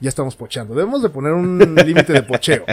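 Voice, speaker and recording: A young Mexican man, a little drunk, chatting on a podcast with a fairly high voice. He rambles loosely and bursts into laughter as he acts out quotes. Soft music sits faintly behind him. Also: animated, quick pace. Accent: Mexican Spanish. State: tipsy. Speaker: podcast co-host. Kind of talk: casual chat.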